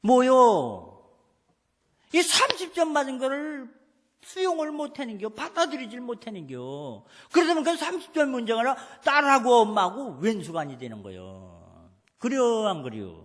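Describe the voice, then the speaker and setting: A middle-aged man preaches a homespun sermon, acting out scolding family scenes and asking the people to repeat phrases after him. His voice sits very high and swings widely in pitch. The long reverb of the church hall trails behind every line. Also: sing-song, moderate pace, a bit bright. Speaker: pastor. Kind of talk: folksy sermon. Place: church sanctuary.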